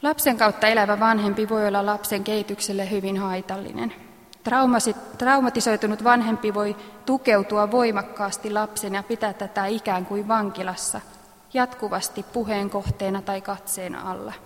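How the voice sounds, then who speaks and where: A woman reading parenting advice aloud in a measured, instructive manner, clearing her throat now and then. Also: medium pitch, steady tone, big-room sound. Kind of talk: read-aloud advice text.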